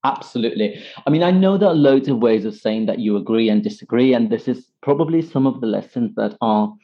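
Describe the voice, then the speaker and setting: A man, an English teacher, patiently explaining example phrases in an interview, with lively emphasis on each one. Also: medium pitch, brisk. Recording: slightly dull lo-fi sound.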